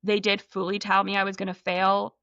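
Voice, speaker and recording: A woman's voice: medium pitch, completely flat delivery, brisk, bright, forceful tone, smooth, dry recording. A woman in her thirties with a mixed Scottish and American accent, chatting casually as an interview guest, full of "like" and "um". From North East Scotland. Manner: chatty, many "like" and "um" fillers. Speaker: guest actress. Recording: dull lo-fi sound.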